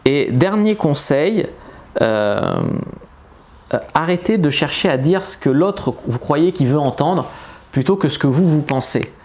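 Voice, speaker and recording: A man's voice: fairly high pitch, animated, unhurried, a little mellow. Blunt, chatty male dating coach. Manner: blunt, colloquial, opinionated. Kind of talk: casual advice video to camera.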